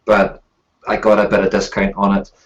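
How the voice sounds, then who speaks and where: A man with a fairly low voice hosts a casual live stream. He talks informally, like a reviewer chatting with regular viewers. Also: completely flat delivery, moderate pace, highs cut off.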